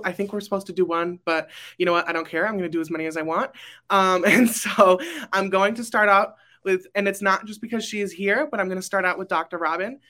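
A young woman speaks casually on a podcast with a slightly low voice. She rambles emotionally, full of fillers and restarts. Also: fairly bright tone. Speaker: graduating student council member.

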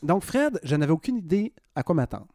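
A man's voice: on the high side, sing-song, a little fast, a little mellow, no room sound, clean studio sound. A man with a Quebec French accent, a podcast columnist chatting casually in a playful, ironic way with wandering asides. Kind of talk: casual chronicle chat.

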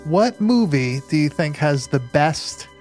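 Higher-pitched man, slangy and emphatic. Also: animated, a little slow, music in the background. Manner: profane, slangy, emphatic and repetitive. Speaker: podcast co-host. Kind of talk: casual chat about horror movies.

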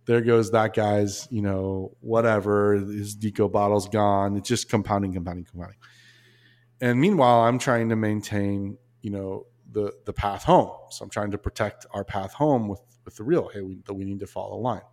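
A man, a podcast guest, telling a story in a casual, animated way, full of restarts and asides. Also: fairly low pitch, normal speed.

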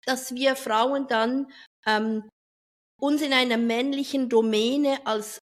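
Woman, middle-aged, fairly high voice, lively, talkative. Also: slow. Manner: lively and talkative, drifts off topic, laughs often. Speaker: event speaker and finance professional. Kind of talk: casual interview chat.

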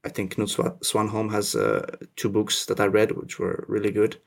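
Young male guest, low gravelly voice, easygoing and self-mocking. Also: normal speed. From Russia, raised in Finland. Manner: relaxed, self-deprecating, many restarts. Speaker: podcast guest. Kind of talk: casual interview chat.

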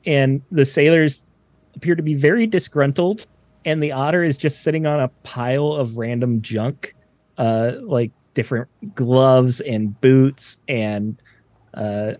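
A man's voice: medium pitch, a little mellow, no echo. A man narrating a fantasy tabletop game as game master.

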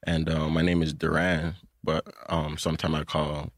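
Young male guest, low husky voice, dry close sound, easygoing slang. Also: completely flat delivery, normal speed, no room sound. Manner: laid-back slangy storytelling. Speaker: podcast guest. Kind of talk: casual chat.

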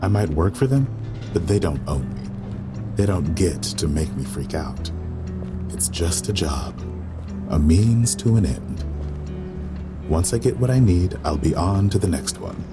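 A man's voice: low voice, animated, a little slow, long pauses, over loud music. A man playing a weary, resentful waiter who narrates an audio drama in a dry, sardonic inner monologue. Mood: brooding, calming. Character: Sundiata, weary, resentful male waiter with simmering anger. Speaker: lead actor and narrator.

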